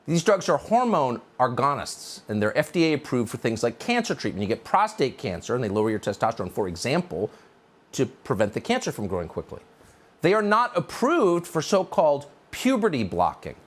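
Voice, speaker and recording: A man's voice: huge pitch swings, a little fast. A man hosting a news opinion show, delivering a sardonic, mocking monologue. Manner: sardonic, mocking, swings pitch widely.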